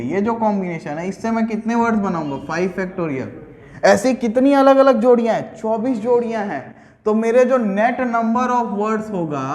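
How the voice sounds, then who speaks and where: High-voiced man teaching math, echoey room. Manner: conversational, checks understanding, mixes English terms in. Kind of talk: whiteboard math lesson.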